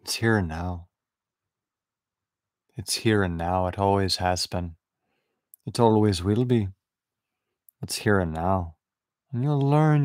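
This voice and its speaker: A man's voice: lowish voice, dry recording, studio quality. A man giving a meditative spiritual talk, repeating short affirming phrases over and over. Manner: slow, repetitive, affirming phrases. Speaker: spiritual teacher.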